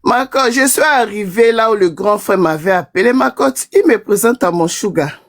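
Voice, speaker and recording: A woman's voice: mid-range voice, normal speed. A woman, calling in to a live stream and telling her story in a chatty way, laughing often. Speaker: caller. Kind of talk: call-in confession on a live stream.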